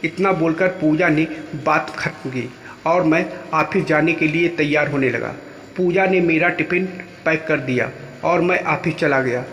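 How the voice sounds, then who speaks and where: A man telling a first-person story in plain, steady narration. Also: a little high. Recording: echoey room with long reverb.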